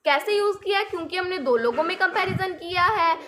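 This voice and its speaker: A woman's voice: very high-pitched, lively intonation, fairly quick, sharp tone. A young woman teaching English grammar in Hindi, patiently repeating points and asking the viewer rhetorical questions. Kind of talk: explaining grammar lesson in Hindi with English examples.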